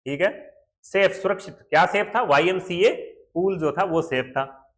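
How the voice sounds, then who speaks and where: A man's voice: high-pitched, unhurried, a bit bright. A man with an Indian accent teaching an English chapter in Hindi, going word by word and asking and answering his own questions.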